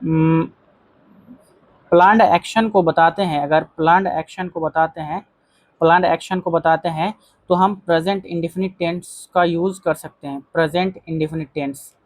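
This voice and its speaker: A teacher giving a grammar lesson, calling viewers friends, repeating key phrases and reading example sentences out slowly. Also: mid-range voice, fairly even intonation, no room sound.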